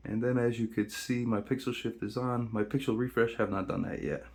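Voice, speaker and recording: A man's voice: mid-range voice, steady tone, a little fast, a little mellow. A man hosting a casual video, walking viewers through settings step by step. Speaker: video host.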